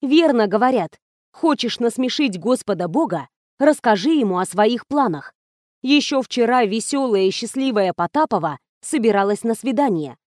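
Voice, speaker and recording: A woman's voice: a little high, lively intonation, normal speed, a little mellow, dry recording. Woman narrating an audiobook, dry and close. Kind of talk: scripted first-person narration.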